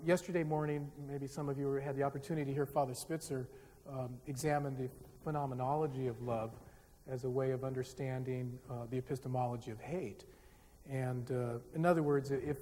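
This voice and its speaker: Standing at a podium microphone in a big, darkened auditorium, a middle-aged man gives a public forum lecture in a mid-range voice. His manner is chatty and self-mocking, and he gets the live audience singing. The recording has hall reverb and faint hiss.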